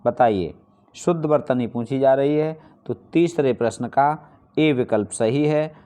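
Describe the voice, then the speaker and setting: Guy teaching hindi spelling online, middle pitch, repeats stuff for emphasis. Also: unhurried, warm tone, clear, resonant tone. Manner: explains step by step, asks and answers his own questions; repeats key points for emphasis. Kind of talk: online exam-prep lesson.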